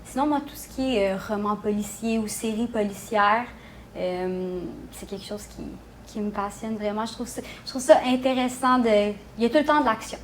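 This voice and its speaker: This young woman speaks with a Quebec French accent in a casual, informal interview chat, filling her talk with little filler phrases. Her voice sits in the mid-range at a moderate pace, and the poor recording carries a little hiss or hum.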